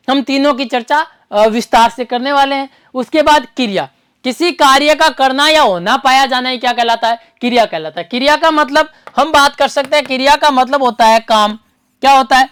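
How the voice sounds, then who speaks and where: A woman's voice: sits high, a bit bright, no echo, clean studio sound. A woman teaching an exam-prep grammar lesson. She asks the class questions, answers them herself, and repeats key terms for her students.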